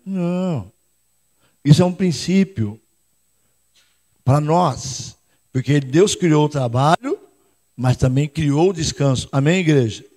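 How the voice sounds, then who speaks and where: Brazilian pastor preaching in a reverberant hall. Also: male voice, fairly high pitch. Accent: Brazilian Portuguese. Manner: calls out to the congregation, prompts responses; switches between loud shouts and quiet asides. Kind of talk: lively church sermon. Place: church hall. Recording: long reverb of a church hall.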